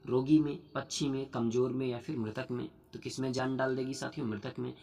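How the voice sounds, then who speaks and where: A husky-voiced young man leads an online exam-prep class. He reads each multiple-choice question aloud, runs through the options and explains the answer while calling out to his students. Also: mid-range voice, flat delivery, fairly quick, mellow. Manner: addresses students as "saathiyon" over and over. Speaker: exam coaching teacher.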